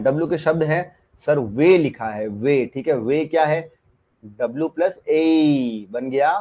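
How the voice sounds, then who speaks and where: A somewhat high-voiced man with a darkish tone teaches shorthand live online over dull, lo-fi audio. He chats casually, says things more than once, and keeps asking if the students follow along.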